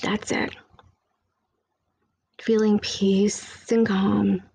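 A woman leading a guided meditation with soothing, hushed, intimate delivery and repetitive, hypnotic phrasing, close on the microphone. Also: medium pitch, little pitch movement, drawn-out words, vocal fry, husky.

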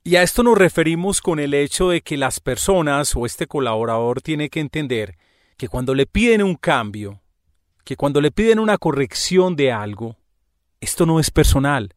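Man with a fairly high voice. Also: animated, normal speed, dry recording, studio quality. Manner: conversational, explaining with everyday examples. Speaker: podcast host. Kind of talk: podcast monologue.

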